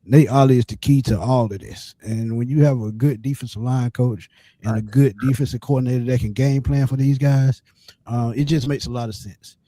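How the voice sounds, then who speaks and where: A man hosting a sports show, explaining a team's roster in casual, measured talk. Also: medium pitch, fairly even intonation, dark tone, no room sound. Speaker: sports podcast host.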